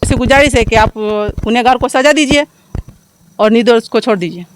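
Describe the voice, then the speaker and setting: A woman's voice: on the high side, moderate pace, slight background noise. A village woman speaking outdoors into a reporter's handheld mic, pleading and repeating her points. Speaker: village resident interviewed. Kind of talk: street interview.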